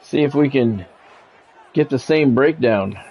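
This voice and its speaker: Some chatter runs behind a middle-aged gaming streamer as he commentates a sports video game in the manner of radio play-by-play. His medium-pitched voice is measured in pace, a little mellow and breathy at the edges. He uses short clipped calls and throws in casual, salty asides.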